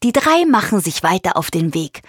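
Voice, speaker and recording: A woman reading a children's story aloud in a slow, animated storytelling manner. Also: on the low side, husky, dry recording, clean studio sound.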